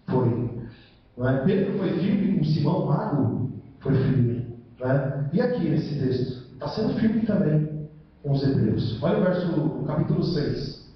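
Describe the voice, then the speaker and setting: A man's voice: fairly high pitch, big pitch swings, a little slow. A man with a Brazilian accent preaching a church sermon in a conversational way, often tagging "né?" onto his sentences and asking rhetorical questions, then answering them himself. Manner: conversational, with constant "né?" tag questions. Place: church hall. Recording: echoey church hall, mic far off, dull sound.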